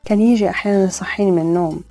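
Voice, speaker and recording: A woman, telling a personal story in a reflective, hesitant way with pauses and fillers. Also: mid-range voice, fairly even intonation, warm tone, faint music behind. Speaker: storyteller guest.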